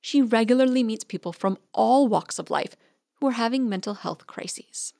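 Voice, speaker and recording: Gravelly-voiced woman radio reporter. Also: on the high side, animated, moderate pace, mellow, dry recording, studio quality. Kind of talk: scripted radio narration.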